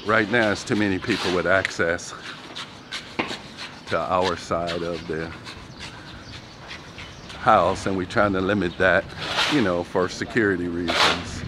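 A man's voice: deep voice, fairly even intonation, unhurried, long pauses. A man casually narrating a walking tour of his property outdoors, rambling with fillers, filmed on a handheld phone. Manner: rambling, conversational, fillers like "you know". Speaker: vlogger giving a property tour. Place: outdoors on a street and yard in the sun. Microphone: handheld phone camera. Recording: outdoor phone recording with clear background noise.

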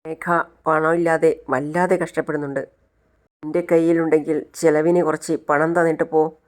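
A storyteller voicing a worried old grandmother who gently pleads for money in a recap of a TV serial. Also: medium pitch, little pitch movement, moderate pace, close to an everyday voice. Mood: pleading.

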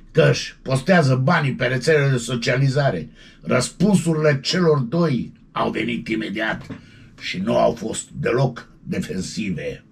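Guy ranting showbiz gossip, gravelly husky voice, jumps all over the place. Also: medium pitch. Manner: excitable, colloquial, yelping interjections. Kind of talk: animated gossip commentary.

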